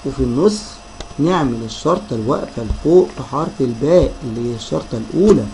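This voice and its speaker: A man with an Egyptian Arabic accent teaching a children's reading lesson, sounding out syllables slowly and addressing the kids as friends. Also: medium pitch, lively intonation, vocal fry, a little mellow, a little hiss or hum, low-quality recording.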